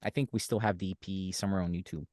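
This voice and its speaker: A man's voice: deep voice, rapid-fire, no echo, studio quality. A man from Romania, a podcast guest and musician, chatting casually and telling stories with acted-out quotes. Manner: animated storyteller, acts out quotes. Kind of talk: casual chat.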